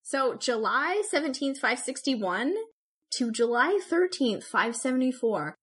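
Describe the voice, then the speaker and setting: Chatty Canadian woman, higher voice. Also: lively intonation, measured pace, a bit bright, husky. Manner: chatty, laughs often, playful. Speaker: podcast co-host. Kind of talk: casual chat, scoring popes.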